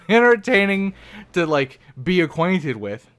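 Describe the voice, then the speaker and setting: This young Oregon man has a high, very animated voice that is clear, resonant and fairly bright, though he speaks at a slow pace. As a podcast co-host in a casual chat, he rambles through stories and keeps breaking off to restart his sentences.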